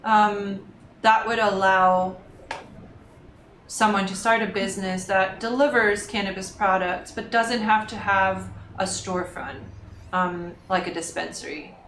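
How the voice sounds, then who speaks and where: A woman's voice: medium pitch, steady tone, unhurried, a bit bright. A woman reporter explaining news in casual chat, thoughtful and hesitant with frequent ums. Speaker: business reporter, guest. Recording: echoey room, faint noise.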